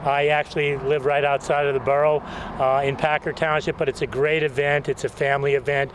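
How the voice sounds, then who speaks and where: A man's voice: on the high side, level tone, brisk. A man giving a casual on-location interview as a local official. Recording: noisy outdoor location with vehicles.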